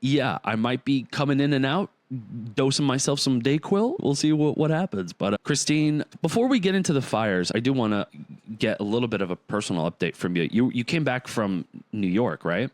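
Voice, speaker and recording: A man's voice: mid-range voice, animated, fairly quick, no echo. Sick-voiced male podcast host. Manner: breezy, joking, mildly profane. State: sick, sore throat. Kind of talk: casual podcast chat.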